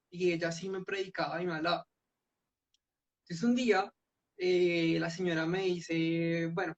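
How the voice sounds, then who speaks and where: High, gravelly young man telling his testimony. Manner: earnest storytelling with frequent restarts. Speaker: guest giving his testimony. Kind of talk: personal testimony in a church youth meeting. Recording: dull lo-fi sound.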